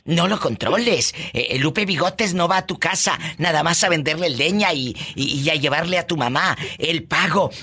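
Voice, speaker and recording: A woman's voice: deep voice, moderate pace, hardly any pauses, a bit bright, breathy edge. A woman hosting a comic call-in show, flamboyant, teasing and campy. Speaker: radio comedy host.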